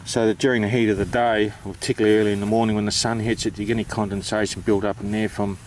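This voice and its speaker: Low, flat-toned Australian man explaining informally. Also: rapid-fire, slight background noise, rough recording. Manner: hesitant, unscripted, matter-of-fact. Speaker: amateur radio operator presenting.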